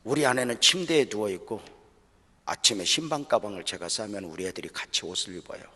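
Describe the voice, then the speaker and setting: A middle-aged man preaching to fellow pastors at a seminar, telling a personal story with strong feeling, sinking to a hush and then rising loud again. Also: on the low side, animated, brisk, breathy edge. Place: church hall. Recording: long reverb of a large hall.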